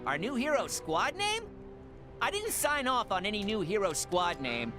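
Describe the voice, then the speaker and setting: High, very animated young superhero. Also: male voice, moderate pace. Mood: upbeat. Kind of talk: video game character dialogue. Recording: music behind the voice.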